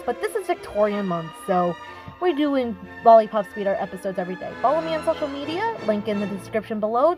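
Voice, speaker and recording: A woman's voice: a little high, low-quality recording. Chatty woman narrating her speed art. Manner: chatty, with frequent self-corrections. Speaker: YouTube artist and channel host.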